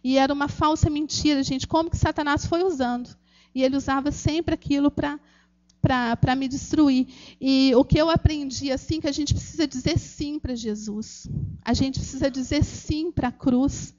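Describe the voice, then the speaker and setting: Her voice high and darkish, at a normal pace, a Brazilian woman shares an emotional testimony at a church gathering in a Brazilian Portuguese accent. She speaks earnestly and directly to the audience, addressing them as "gente" and frequently starting over. The audio has its highs cut off.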